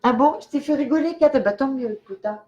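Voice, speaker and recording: A woman's voice: high voice, a little fast, dark tone, muffled recording. An older woman, a clairvoyant medium, chatting casually and giggling as she talks straight to the viewers of her live stream.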